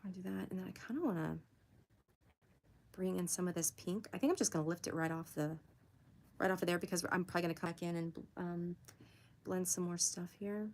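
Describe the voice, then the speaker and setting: A young woman hosts a relaxed drawing livestream, talking to her chat as she works. Her voice sits a little low, but it jumps way up when she greets viewers, and she laughs easily. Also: brisk, long pauses. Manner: chatty and giggly, greets viewers in a high voice. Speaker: art livestream host.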